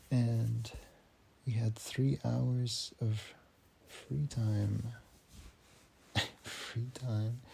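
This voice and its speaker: A weary young man in his late teens records his personal audio diary at home, his slightly nasal voice dark and gravelly. He talks slowly and flatly, stopping to restart, sigh and clear his throat. A faint hiss sits behind him. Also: mid-range voice. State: very tired. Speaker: student keeping an audio diary. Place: at home indoors.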